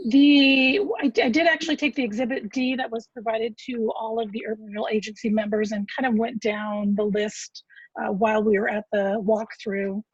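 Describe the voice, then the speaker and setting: A woman's voice: on the high side, slightly rough, dry recording. A woman giving a formal, point-by-point meeting report over a group voice chat, her connection cutting out. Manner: steady, list-by-list reporting with fillers. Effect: group voice chat audio that cuts out. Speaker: agency member reporting at a public meeting. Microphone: computer mic on a video call. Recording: dull lo-fi online call audio.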